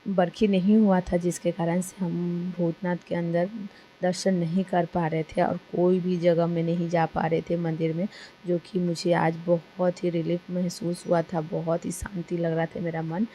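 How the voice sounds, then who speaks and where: A young woman narrates her family vlog as a casual voice-over. Her voice sits low and mellow with a flat, even delivery. She rambles on in a chatty way, with plenty of fillers. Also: normal speed, slight background noise. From Kolkata, India. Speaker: vlogger.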